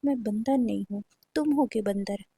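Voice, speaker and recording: A woman's voice: on the high side, normal speed, warm tone, husky, no echo. A woman voicing a shy, childlike boy who pleads and pouts in a whiny way. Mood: pouting.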